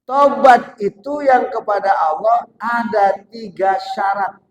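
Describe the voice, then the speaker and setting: A man preaching, his voice high and his delivery slow and drawn out. He jokes with homely examples and drops into slang between quoted Arabic phrases. The room around him is echoey, with faint background ambience. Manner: jokey everyday examples, Betawi slang, quoting Arabic. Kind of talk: sermon. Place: gathering hall. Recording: roomy hall with faint ambience.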